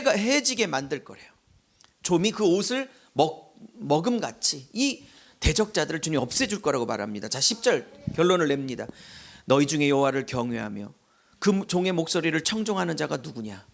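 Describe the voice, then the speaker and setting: A middle-aged man preaching a sermon with a gravelly, fairly high voice. His pitch swings widely. He rises to loud calls and drops to hushed asides. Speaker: pastor. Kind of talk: expository sermon.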